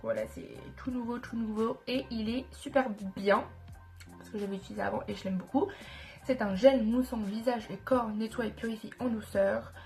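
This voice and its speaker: Higher-voiced woman with a stuffy nose. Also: fairly even intonation, moderate pace, darkish tone, soft background music. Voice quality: nasal, blocked-up sound. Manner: informal, enthusiastic about products, self-correcting. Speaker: beauty vlogger presenting skincare products. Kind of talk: casual chat to viewers.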